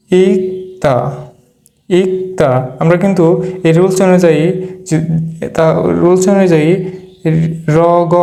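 A man's voice: a little high, mellow. A man teaching a language lesson step by step, repeating each example several times and answering his own questions. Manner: asks the class questions and answers them.

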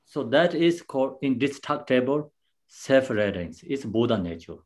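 A man giving a dharma teaching as a Buddhist teacher, explaining patiently in simple, non-native English phrasing, with many pauses and restarts. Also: medium pitch, sing-song, darkish tone.

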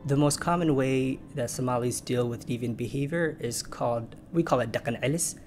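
Young man with soft music behind. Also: medium pitch. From born in Kenya, raised in Minnesota, United States. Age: young adult. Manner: measured, earnest, candid. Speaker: interviewee telling his personal story. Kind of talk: documentary interview testimony. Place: indoor room with a lamp, seated. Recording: clear music bed underneath.

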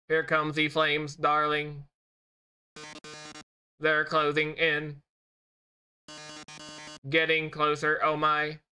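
A man's voice: fairly high pitch, bright, forceful tone, full character voice. A man doing a put-on robot voice for a showy, taunting male robot TV host during gameplay commentary. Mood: gloating. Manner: theatrical, mocking, drawn-out taunts.

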